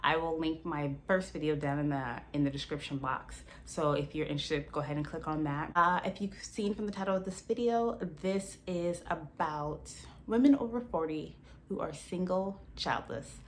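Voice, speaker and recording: Low-voiced woman, slightly slurred by retainers. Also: moderate pace, a little hiss or hum. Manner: candid, conversational. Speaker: YouTube lifestyle vlogger. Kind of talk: casual personal talk to camera.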